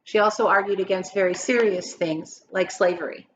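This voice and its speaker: Over a rough recording, a woman reads aloud from a children's picture book in the manner of a teacher, adding dramatic emphasis and questions for those listening. She has a mid-range voice, a steady tone and a moderate pace.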